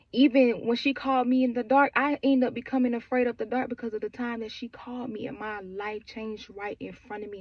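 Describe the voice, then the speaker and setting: A woman's voice: mid-range voice, no echo, dull audio. A woman in her twenties telling her own grief story in a raw, conversational way, repeating herself and filling with "like". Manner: raw, repetitive, conversational with many "like" fillers. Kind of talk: emotional personal storytelling.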